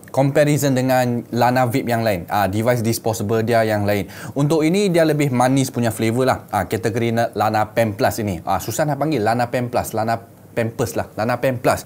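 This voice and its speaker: In a small indoor room rigged up as a gaming studio, a Malaysian man with a medium-pitched, slightly dark voice records a casual unboxing and review vlog. He speaks colloquially, repeats phrases, and calls his viewers "guys" and "gang."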